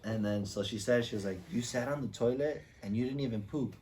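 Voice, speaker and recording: A young man co-hosting a podcast, telling a profane, animated party story full of quoted voices. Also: medium pitch, a little fast, recorded from a distance, a little hiss or hum. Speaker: podcast co-host. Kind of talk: casual storytelling among friends.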